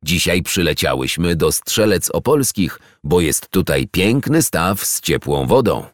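A man reading a storybook aloud and voicing a cheerful, chatty female wild duck who gushes with excitement, in a high, lively voice. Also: measured pace, dry recording, clean studio sound. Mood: excited chatter. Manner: excited, gushing.

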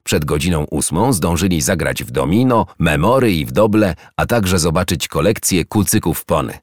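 A man with a very deep voice reads a children's story aloud, his pitch rising and falling expressively as he tells it. The sound is dry and close, with no room around it. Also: lively intonation, moderate pace, no echo. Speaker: narrator.

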